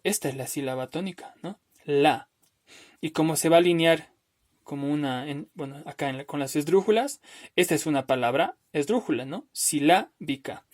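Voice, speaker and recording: A man teaching a recorded spelling lesson over slides, patient and step by step, often checking in with "¿no?" and slowly drawing out words to show where the stress falls. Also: on the high side, a little mellow. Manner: patient, explains step by step with frequent "¿no?".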